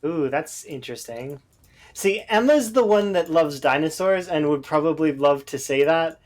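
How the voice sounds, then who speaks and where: A man's voice: on the high side, animated, moderate pace, darkish tone. A Canadian man chatting casually while streaming a game, rambling with lots of hesitant fillers. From Alberta, Canada.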